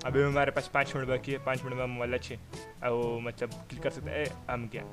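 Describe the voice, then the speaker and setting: A man with a Pakistani Urdu accent commentates his own game in a comic, excitable way. He calls enemies names and reacts loudly to every shot. Background music plays under his voice the whole time. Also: mid-range voice, a little fast. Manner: excitable, mock-insulting, shouting at opponents. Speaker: gamer giving funny commentary.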